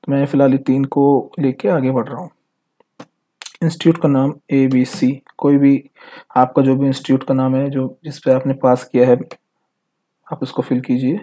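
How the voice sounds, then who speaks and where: With a mid-range, dark voice, this Indian-accented man delivers flatly at a normal speed. He's giving a casual step-by-step screen tutorial in an explanatory manner, with English phrases mixed in.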